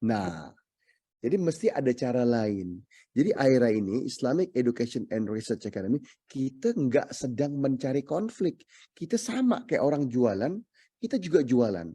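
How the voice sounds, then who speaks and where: A man with a mellow, slightly husky voice delivers an emphatic sermon, repeating phrases for weight and dropping English phrases in along the way. The sound is dry and close. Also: medium pitch, sing-song, normal speed, dry recording. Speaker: preacher.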